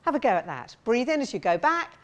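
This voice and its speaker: A woman voice coach leading a vocal warm-up, encouraging and demonstrating sounds with big slides and shouts. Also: on the high side, very animated, fast, muffled recording, very noisy.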